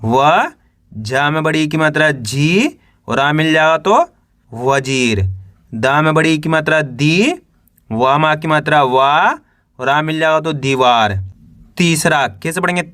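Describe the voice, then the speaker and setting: Bright-voiced man sounding out words. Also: a little high, no echo, studio quality. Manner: sounds out letters slowly, then repeats whole words; asks and answers his own drill questions. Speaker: teacher. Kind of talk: reading lesson for beginners.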